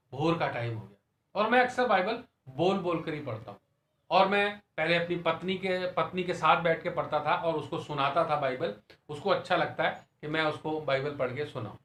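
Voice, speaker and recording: A middle-aged male pastor telling a personal story as a sermon, dramatic and swinging from soft to loud, with repeated hallelujahs. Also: fairly high pitch, echoey room, a little hiss or hum.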